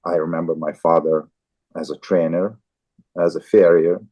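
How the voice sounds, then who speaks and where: A man in his forties from Azerbaijan, a guest in an interview, speaking haltingly with many repeated and restarted words. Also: sits low, little pitch movement, lo-fi sound. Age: 40s. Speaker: guest, farrier and show jumper. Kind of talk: casual interview talk.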